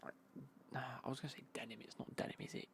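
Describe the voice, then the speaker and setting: A British man whispering in a casual, rambling ASMR unboxing style, breathy and hushed, with dry, understated commentary. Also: rapid-fire. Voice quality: breathy, hushed whisper with creaky low murmur. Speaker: ASMR vlogger showing golf clothing.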